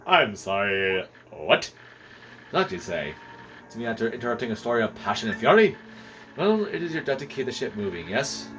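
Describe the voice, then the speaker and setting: A man's voice: lowish voice, very animated, a little fast, fairly bright tone, a little hiss or hum, pitched below the performer's own voice, rough recording. A man voicing a pompous, grandiose male aristocrat with theatrical, self-important delivery while reading game dialogue aloud. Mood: indignant.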